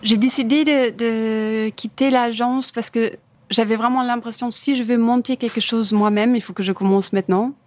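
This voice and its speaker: A woman from Germany with a German accent answers casual interview questions about her furniture design career in imperfect French, often searching for words as a native German speaker. Her voice is fairly high yet darkish in tone, with fairly even intonation at a moderate pace.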